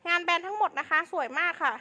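Female live seller. Piercingly high and sharp, fast hype delivery with insistent, repeated sales lines. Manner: insistent, repetitive sales patter. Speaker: live-stream clothing seller.

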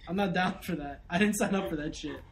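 A man's voice: sits high, normal speed, soft background music. A young man commentating a video game with friends, joking, swearing and laughing a lot. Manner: profane, jokey, laughs a lot. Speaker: let's play commentator. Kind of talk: casual chat.

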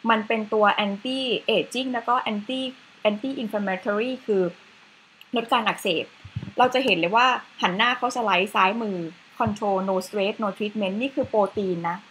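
A woman's voice: medium pitch, slow, a bit bright, a little hiss or hum, low-quality recording. A woman presenting a facial cleanser in a chatty, casual way with slides, adding polite particles to most phrases.

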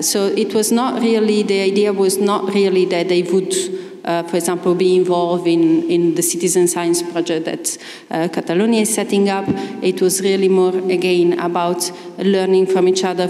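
A woman in her forties answering a question on a conference panel at a desk mic, halting with many fillers. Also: on the low side, darkish tone. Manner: hesitant, many fillers, hand gestures. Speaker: panel speaker. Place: large ornate conference hall. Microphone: desk microphone. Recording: echoey hall reverb.

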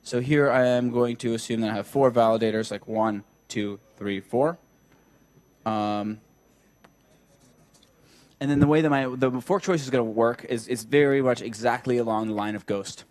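In a meetup room equipped with a projector, a young man presents a technical talk, sketching on a flip chart as he goes. His voice is medium-pitched and a little mellow at a moderate pace, and he thinks out loud, full of fillers and false starts.

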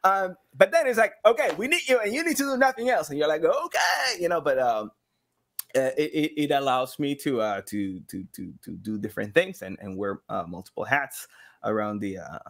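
In a small home studio room, a boom-arm mic captures a man in his thirties with a voice on the high side. He's a game studio sound designer and community engagement director, talking casually as a podcast guest, halting as he gropes for words and adding animated quoted asides.

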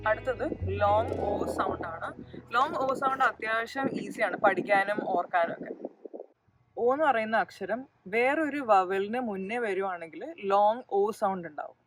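A woman's voice: medium pitch, normal speed, over music, rough recording. A woman hosting her own channel and teaching English pronunciation in a patient, step-by-step explanatory lesson.

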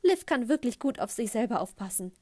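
A woman voicing a gushing, tactless middle-aged mother who talks loudly and effusively. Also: a little high, big pitch swings, fairly quick, no room sound, voice pushed up. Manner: loud, effusive, embarrassing chatter.

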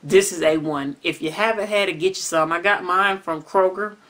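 A woman from the US South with a Southern accent, chatting casually and slangily in a taste-test vlog and growing excited as she reacts. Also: on the low side, normal speed, background noise. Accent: Southern American. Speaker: vlogger.

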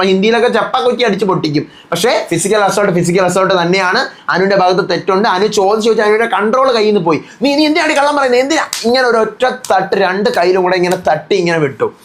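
Animated reality show recap host. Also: mid-range voice, quick pace. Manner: animated, acts out quarrels while retelling. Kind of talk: casual recap vlog.

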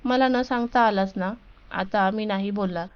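A woman's voice: medium pitch, smooth, dull audio, natural voice. A woman voicing a sulky young bride-to-be. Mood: pouting. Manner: pouting, quick to scold.

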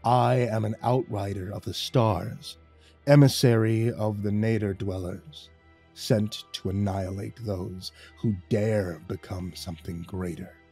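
A man voicing a cold, contemptuous alien emissary from the stars, speaking in slow, measured pronouncements through a metallic voice filter. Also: lowish voice, steady tone, mellow, husky, soft background music. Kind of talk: audiobook narration.

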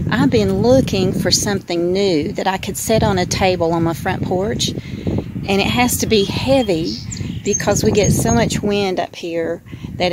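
A woman's voice: mid-range voice, background noise. An older woman with an Appalachian accent, chatting folksily to a handheld camera outdoors for her vlog. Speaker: vlogger. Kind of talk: casual vlog talk to camera. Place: outdoors in a rural yard.

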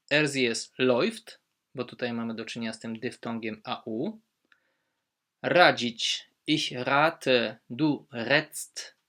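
Bright-voiced man teaching German slowly. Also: medium pitch. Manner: patient, explains step by step, stresses German example words. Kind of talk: recorded online grammar lesson.

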